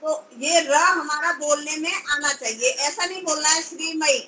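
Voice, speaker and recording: A woman's voice: high-pitched, normal speed, sharp tone, poor audio. A woman teaching Sanskrit pronunciation, drawing out syllables and patiently correcting her student. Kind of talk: pronunciation lesson.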